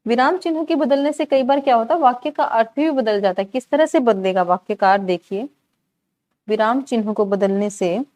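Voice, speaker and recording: A woman with a fairly high, slightly mellow voice teaches a grammar lesson for exam prep. She asks the class questions, answers them herself, and repeats key words slowly.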